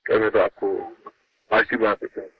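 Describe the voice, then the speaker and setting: A man giving a sermon as a spiritual guru to his disciples, emphatic and swooping between high and low, heard from an old worn tape recording. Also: monotone, fairly quick, breathy edge, no room sound. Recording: muffled hissy old tape.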